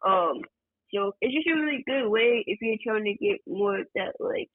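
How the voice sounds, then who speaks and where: A man from Georgia speaks as a podcast guest in an unhurried, rambling way, leaning on fillers as he explains. His voice arrives over a tinny, phone-like line. There is no room sound around it at all. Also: high-pitched, no echo. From Georgia, USA. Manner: relaxed, rambling, many fillers like "like" and "you know". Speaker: guest music producer. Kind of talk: casual interview chat.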